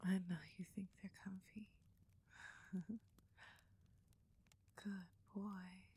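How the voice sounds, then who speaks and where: A woman voicing a doting, possessive young goth woman lover in an intimate audio roleplay, talking in a soft coaxing whisper. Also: on the high side, slow, gravelly, breathy edge, heavily acted. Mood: tender.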